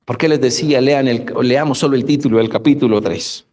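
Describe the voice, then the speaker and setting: A man's voice: mid-range voice, a little fast, a little mellow. A male pastor giving a radio sermon, preaching through rhetorical questions and addressing his listeners as brothers. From Colombia. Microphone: studio microphone for radio broadcast.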